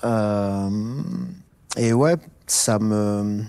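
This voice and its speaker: A middle-aged business executive from Alsace, France, is a guest in a conversational interview, telling his story full of fillers and restarts. His lowish, mellow voice barely moves in pitch and he speaks extremely slowly. A little hiss or hum is audible.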